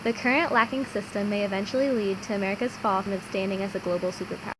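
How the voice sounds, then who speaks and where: A woman narrating a student documentary, reading in a measured, earnest way. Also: medium pitch, steady tone, noisy background. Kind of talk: scripted narration.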